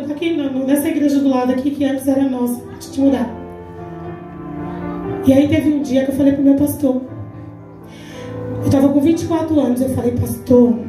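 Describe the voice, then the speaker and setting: Her voice high-pitched and mellow, a Brazilian woman in her forties, a deaconess, delivers a forceful testimony sermon at a women's congress, voicing the dialogue in her story. The Brazilian Portuguese-accented speech echoes through a large church hall, recorded from afar over faint music.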